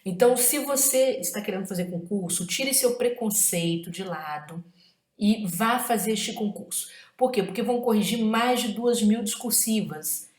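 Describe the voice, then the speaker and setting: A woman's voice: medium pitch, normal speed, a little mellow, roomy sound. A woman with a Brazilian Portuguese accent gives an exam-prep writing lesson, emphatic and often checking in with tag questions.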